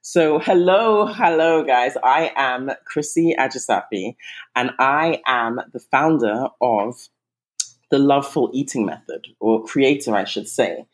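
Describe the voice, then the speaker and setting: A woman raised in England, a guest eating coach, talking in a chatty, warm podcast conversation with frequent ums and restarts. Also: a bass voice, a little slow. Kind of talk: casual podcast chat.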